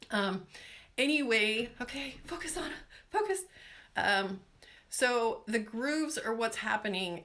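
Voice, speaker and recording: A middle-aged woman teaching about nail care in a loose, chatty way. She rambles, stops herself and drifts into asides, with plenty of fillers between her points. Her voice sits in an ordinary middle pitch. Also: a bit bright. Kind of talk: casual explanatory talk.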